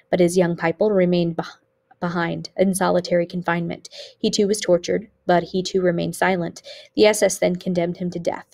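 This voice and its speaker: Woman teacher reading a book aloud, low voice w some vocal fry, steady pace. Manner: steady, measured reading with occasional small slips. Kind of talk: audiobook narration.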